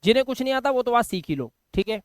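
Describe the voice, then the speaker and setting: A man's voice: very high-pitched, expressive, fast, smooth, no echo, clean studio sound. Hindi-accented man teaching English phonics. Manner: spells words letter by letter, asks and answers his own questions. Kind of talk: spoken phonics lesson.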